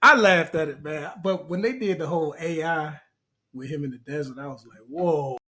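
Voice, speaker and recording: A man's voice: a little high, a little fast, pushed and bright. A man co-hosting a barbershop-style podcast in casual chat, loose and joking with slang. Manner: loose, joking, uses slang like bro and fam. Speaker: podcast co-host.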